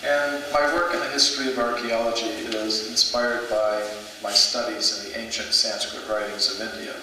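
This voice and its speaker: A man giving a public lecture in measured, deliberate short phrases, leaving room for an interpreter. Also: fairly low pitch, steady tone, sharp tone. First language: English. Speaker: lecturer, researcher in history of archaeology. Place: museum lecture hall. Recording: echoey hall, distant mic, noisy.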